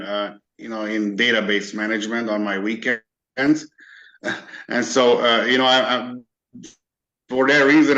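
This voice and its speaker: A man's voice: mid-range voice, bright, forceful tone. A man, a guest in a casual interview, talking earnestly with many fillers and restarts. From Hungary. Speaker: interview guest, business owner. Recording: dull lo-fi sound.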